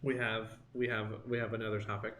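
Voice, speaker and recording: A man's voice: lowish voice, little pitch movement, quick pace, fairly bright tone. A young man co-hosting a podcast, talking casually and playfully, rambling and jumping into silly voices. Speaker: podcast co-host. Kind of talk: casual chat. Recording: echoey room with faint hiss.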